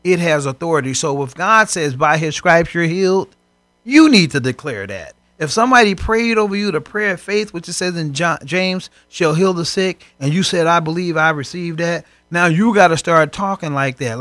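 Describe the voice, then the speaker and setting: A man co-hosting a faith broadcast, preaching in animated conversation and acting out voices from scripture stories. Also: a little high, brisk, dry recording, faint music behind.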